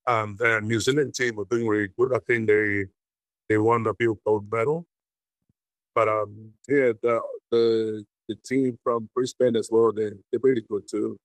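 A Tongan man in his forties, a former sumo wrestler, answering interview questions in a halting way with many fillers and restarts. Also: lowish voice, steady tone, dry recording, rough recording. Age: 40s.

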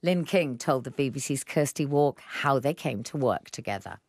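Woman radio host, deep-ish voice, smooth measured links, dry close sound. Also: expressive, no echo. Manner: polished, measured delivery. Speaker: radio arts show presenter. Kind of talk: broadcast presenting and interviewing.

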